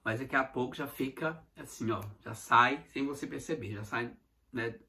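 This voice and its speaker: Bright-voiced Brazilian English teacher. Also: male voice, mid-range voice. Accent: Brazilian Portuguese. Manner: patient, repeats examples slowly, keeps saying "então". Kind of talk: casual video lesson.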